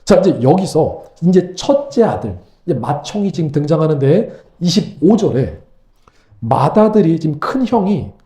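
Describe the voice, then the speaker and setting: A man preaching a sermon as pastor, animated and full of rhetorical questions. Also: fairly high pitch, moderate pace, reverberant. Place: church sanctuary.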